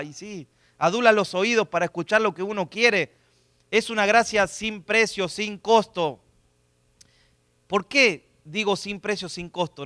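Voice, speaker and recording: A middle-aged pastor delivers a sermon in a high, ringing voice. The sound is close and dry, with little room echo. He drops to near-whispers for personal stories and then rises to forceful, emphatic declarations. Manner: swings from hushed personal storytelling to loud emphatic preaching. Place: church sanctuary.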